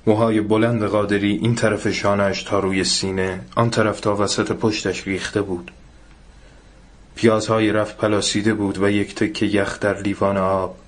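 A man narrates a literary short story in a measured, even way. His voice sits on the low side.

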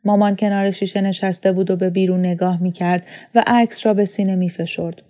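A woman from Iran narrating a novel aloud in a calm, measured storytelling voice. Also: medium pitch. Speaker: audiobook reader.

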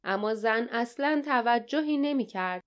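A woman narrating an audiobook in a steady, dramatic storytelling style. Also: on the high side, clean tone. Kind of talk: scripted narration.

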